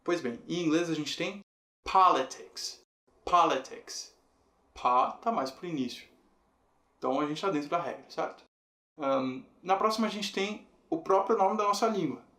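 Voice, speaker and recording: A man with a slightly high voice gives a patient, explanatory video lesson. He slows down to spell out how each word is said. The room around him rings with a noticeable echo. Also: expressive, a bit bright. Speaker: English teacher. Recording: roomy echo.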